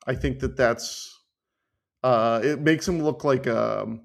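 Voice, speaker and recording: A man's voice: mid-range voice, slow pace, creaky. A man co-hosting a casual podcast, chiming in with wry, joking asides. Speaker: podcast co-host.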